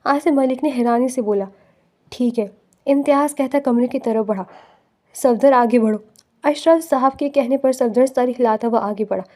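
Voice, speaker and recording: A woman narrating a romance novel with steady storytelling. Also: high voice.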